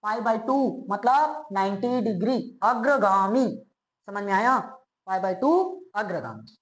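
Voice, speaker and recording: A male physics teacher giving a classroom lecture. He keeps asking quick checking questions and answers them himself, and he repeats key terms slowly. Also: high voice, lively intonation, a bit bright. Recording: roomy echo, as if in a bare classroom.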